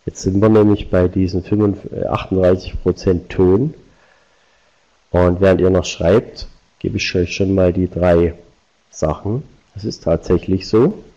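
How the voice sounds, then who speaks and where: A man's voice: deep voice, steady tone, a little slow, mellow, lo-fi sound. A man presenting a live online seminar, explaining points directly to his viewers. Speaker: webinar presenter.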